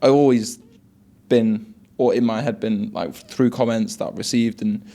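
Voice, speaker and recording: Gravelly low-toned man chatting casually. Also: fairly even intonation, normal speed, dark tone. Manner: chatty, rambling, peppered with "like" and "mate". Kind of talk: casual conversational interview.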